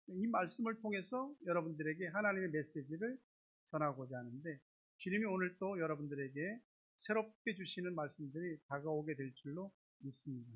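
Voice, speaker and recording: A man's voice: high voice, husky, highs cut off. A male pastor giving a Sunday sermon in a chatty, conversational way, often piling up filler words. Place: church sanctuary.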